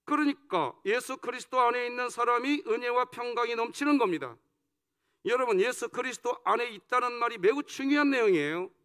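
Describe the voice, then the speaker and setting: In a church sanctuary, a male senior pastor preaches with a very high, clear, resonant voice that is a bit bright and fairly quick. He leads the congregation in call-and-response and teases them playfully.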